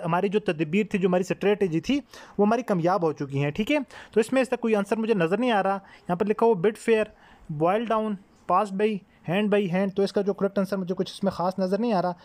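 Brief: man, raised pitch, patient test-prep tutor who explains and repeats answers. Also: darkish tone. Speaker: teacher.

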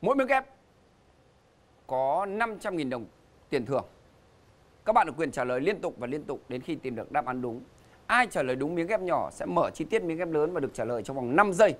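A man's voice: fairly high pitch, animated, a little fast, fairly bright tone. A middle-aged man hosting a game show, with joking, teasing banter and theatrical emphasis. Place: TV studio stage.

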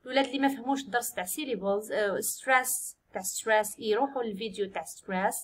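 A woman with an Algerian Arabic accent, an English teacher explaining an exam step by step and reading English sentences slowly and clearly. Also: medium pitch, a bit bright. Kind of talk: exam-prep lesson, mixing Arabic and English.

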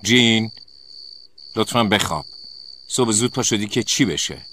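A man doing a shrill, agitated young woman. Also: lively intonation. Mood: angry. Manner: raised pitch, loud and agitated. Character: frightened young woman student, tired and irritable. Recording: noisy recording with crickets.

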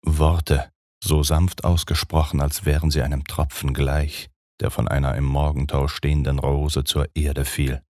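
A man narrating a gothic audiobook in a dramatic, measured storytelling manner. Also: a bass voice, little pitch movement, a little mellow, no room sound, clean studio sound.

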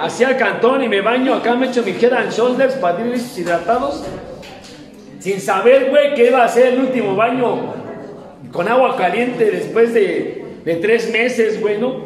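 Hombre mexicano de voz aguda y malhablada. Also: male voice, high voice, reverberant, rough recording. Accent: Mexico City area Spanish. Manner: crude, slangy storytelling, acts out quoted voices. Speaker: speaker sharing his recovery story. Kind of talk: testimony at a recovery meeting. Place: meeting room.

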